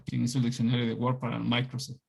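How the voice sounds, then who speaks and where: A man's voice: medium pitch, completely flat delivery, quick pace, vocal fry, slight background noise. A middle-aged man from Ecuador teaching an online class, telling anecdotes in a chatty way and often asking "¿no?".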